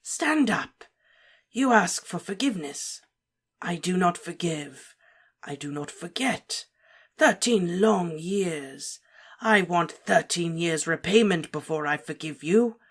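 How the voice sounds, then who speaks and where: A woman voicing a cold, cruel male dark wizard lord, speaking softly, slowly and with deliberate menace. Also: fairly low pitch, lively intonation, breathy edge, pitched above the performer's own voice, full character voice. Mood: menacing. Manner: soft, menacing, slow and deliberate.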